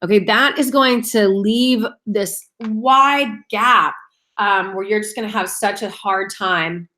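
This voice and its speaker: A woman in her thirties leads a direct sales team, coaching them on goal setting in a casual, chatty and upbeat talk, addressing them as guys. Her mid-range voice sounds pushed and bright, and she takes it slowly.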